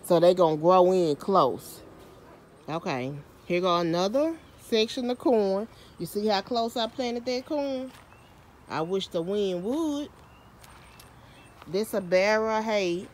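A woman's voice: mid-range voice, slow, a little mellow, slight background noise. A woman giving a chatty, self-mocking garden tour outdoors, filming on a handheld phone. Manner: chatty, self-mocking, uses Southern US slang. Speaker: home gardener and vlogger. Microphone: handheld phone camera.

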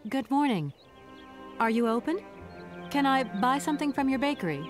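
A woman's voice: high-pitched, lively intonation, moderate pace. An actress playing a polite, ambitious young female lawyer from New York in a video game, speaking courteously over game music. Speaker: game character.

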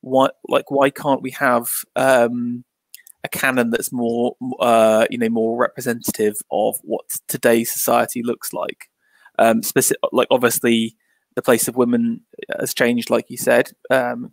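A man with a gravelly, creaky voice talks through an idea about art in a casual discussion. He hesitates, repeats words and leans on fillers, and the recording is dry with little room sound. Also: medium pitch, little pitch movement, a little slow, dry recording. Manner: hesitant, stammering with many fillers.

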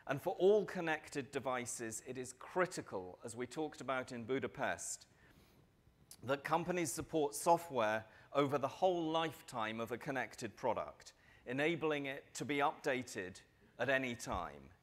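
A middle-aged man giving a prepared keynote speech on a large conference stage, speaking at a lectern mic in a measured, steady way with the odd filler. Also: medium pitch.

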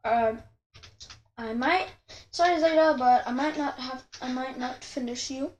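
High-voiced, slow-talking woman vlogger. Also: darkish tone, reverberant, a little hiss or hum. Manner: rambling, self-correcting, chatty with viewers. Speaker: channel host. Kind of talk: casual commentary while drawing.

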